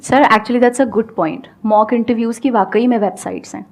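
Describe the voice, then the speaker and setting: A woman's voice: on the high side, fairly even intonation, normal speed. A woman speaking with an Indian accent, a guest giving an emphatic motivational talk that switches between Hindi and English. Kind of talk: motivational talk on a stage show.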